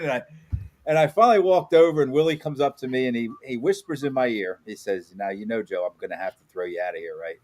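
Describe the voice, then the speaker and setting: A man in his fifties hosting a casual interview, telling stories and laughing often. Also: high voice. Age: 50s. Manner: chatty storyteller, laughs often. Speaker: host.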